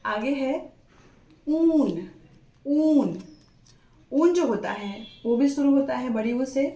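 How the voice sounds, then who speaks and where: A patient woman teacher walks young children through their letters, stressing and repeating each word. Her voice sits a little high and rings in a roomy, echoey classroom. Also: moderate pace, mellow.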